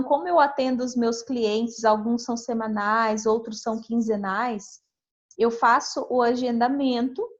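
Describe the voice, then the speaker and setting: A woman's voice: fairly high pitch, muffled recording. Chatty Brazilian woman teaching productivity. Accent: Brazilian Portuguese. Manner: chatty and explanatory, checks in with listeners. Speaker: productivity mentor. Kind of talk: screen-share tutorial.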